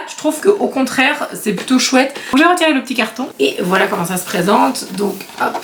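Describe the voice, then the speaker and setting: A woman's voice: sits high, a little hiss or hum. Chatty woman unboxing beauty items. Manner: chatty, animated, laughs often, many fillers. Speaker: beauty YouTuber. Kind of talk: casual unboxing vlog.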